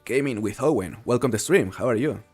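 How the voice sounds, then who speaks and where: A man from Mexico hosts a casual game live stream, relaxed and chatty as he reads chat and answers viewers while playing. His mid-range voice is fairly quick with a breathy edge, with no echo and soft music in the background.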